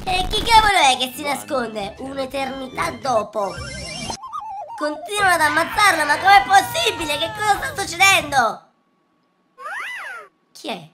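A man voicing an excitable, dramatic little boy who squeals, shouts and sings out, in a gaming reaction video with game music behind. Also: extremely high pitch, unhurried, long pauses. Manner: squealing, shouting and sing-song outbursts. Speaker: YouTuber.

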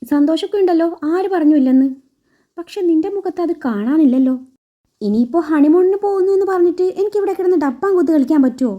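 A woman's voice: extremely high pitch, expressive, fast talker, dark tone, muffled recording, pitched above the performer's own voice. A woman voicing a sulky, scheming young bride who fakes illness with dramatic whining complaints. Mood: sulky teasing.

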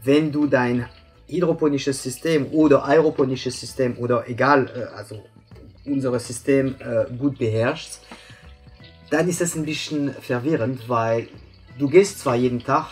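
A Frenchman in his thirties speaks German with a French accent as an invited expert, explaining things patiently with many hesitations and fillers in an interview chat. His voice is medium-pitched, fairly even, unhurried, and slightly rough, with faint music behind. The setting is a bright office room with plants.

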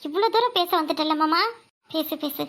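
Woman doing a very high, hurt cartoon wife. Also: normal speed, fairly bright tone. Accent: Tirunelveli Tamil. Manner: reproachful, pleading with her husband. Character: hurt young wife, tearful and defiant. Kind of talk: cartoon voice acting.

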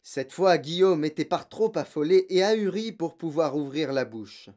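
An audiobook narrator reading a children's novel in an expressive, dramatic way. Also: medium pitch, moderate pace. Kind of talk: scripted storybook narration.

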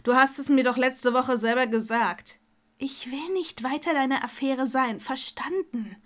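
A woman's voice: fairly high pitch, flat delivery, normal speed, clean tone, natural voice. A woman voicing an exasperated young witch in an audiobook, speaking in a snappy, indignant way. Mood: irritated. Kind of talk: audiobook character voice.

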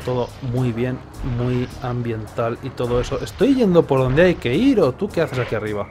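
Spanish-accented man, wry joking game streamer, mid-range voice, loose rambling delivery, soft music behind. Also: mid-range voice, expressive, moderate pace. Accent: Spain. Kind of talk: casual live gameplay commentary. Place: indoors, streaming setup. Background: game music and effects.

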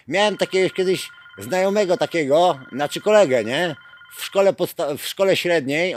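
A man filming himself while mockingly bantering with a police officer outside a station at night, teasing and theatrical, calling out names. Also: fairly high pitch. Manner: teasing, theatrical, calls out names in drawn-out shouts. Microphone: handheld camera.

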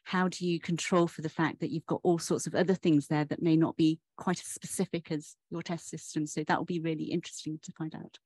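A soft-spoken woman asking an unscripted question at a scientific conference in a quiet, gentle way. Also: low-pitched, level tone, brisk, hardly any pauses, slightly rough.

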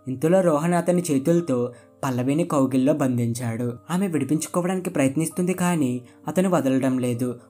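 A storyteller giving scripted story narration in a steady read-aloud delivery. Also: medium pitch.

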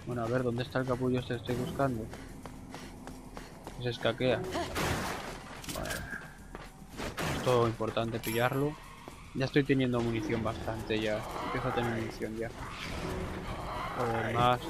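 A young Spanish man with a Spain accent talks through his gameplay, cursing freely and shouting out in excitement. His voice has a gravelly, fry-laden edge at a middling pitch. Game music plays clearly behind him. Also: moderate pace, pauses often, poor audio. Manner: swears often, excitable exclamations. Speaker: gameplay commentator. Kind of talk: casual gameplay commentary.

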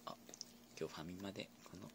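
Here the same dog-owning vlogger talks through his horse race predictions with his pets, coaxing and playful in a casual home chat. His voice sits low with fairly even intonation and a fairly quick delivery, over background noise.

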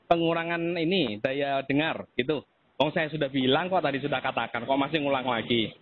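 A man's voice: mid-range voice, brisk, a little hiss or hum. Mocking man on a tinny phone line. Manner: mocking, argumentative, lecturing. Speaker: debtor on a phone call with a collector. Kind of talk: recorded phone argument. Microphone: phone call.

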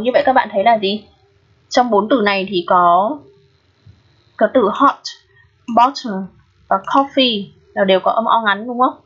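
An English teacher with a slightly husky, medium-pitched voice patiently guides students through a pronunciation lesson, often checking in with quick questions. The recording sounds dull and lo-fi.

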